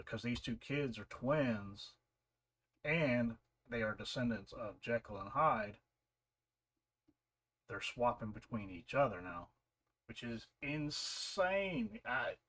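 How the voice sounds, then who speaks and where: A man's voice: mid-range voice, a bit bright. A man casually recapping and reviewing a series episode, rambling with fillers and restarts. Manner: rambling, loose retelling with many fillers and restarts. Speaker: show reviewer.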